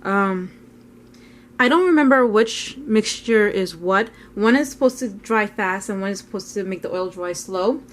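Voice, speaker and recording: A woman's voice: mid-range voice, unhurried, a little hiss or hum. A woman vlogging as she paints, chatting casually and thinking aloud in a rambling way. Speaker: art vlogger. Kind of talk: casual narration while painting.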